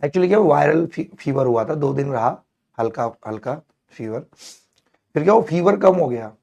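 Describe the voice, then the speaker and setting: A hoarse man teaching chemistry in a live online class, playful and coaxing as he works through problems with his students. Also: a little high, expressive, normal speed, mellow, dull audio. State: hoarse, strained throat.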